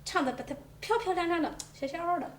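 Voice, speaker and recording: Woman, vocal coach, lively, chuckles, sings examples, distant mic, faint background noise. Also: very high voice, fast talker. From Xinjiang, China. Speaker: voice teacher. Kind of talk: masterclass coaching. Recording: roomy hall, distant mic.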